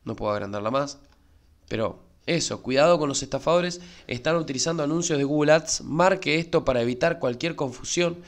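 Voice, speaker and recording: A man's voice: fairly high pitch, a little fast. A man with an Argentine Spanish accent who runs a crypto channel on YouTube and talks to viewers casually, with lots of "eh" and "¿sí?". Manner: chatty, repeats filler "eh" and asks "¿sí?". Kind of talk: casual spoken market commentary.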